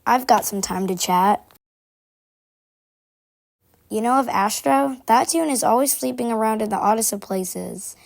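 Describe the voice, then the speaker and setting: A woman's voice: on the high side, measured pace, creaky, long pauses. A woman voicing a prim, busy, gossipy game character who confides in formal phrasing, aloof but chatty. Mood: gossipy, confiding. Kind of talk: scripted character monologue.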